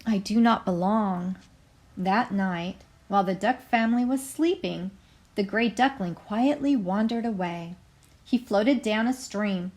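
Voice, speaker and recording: Pitched in the middle range, this female teacher's voice carries a story to a group of young children. She enunciates with care, reads expressively, and pauses to offer explanations.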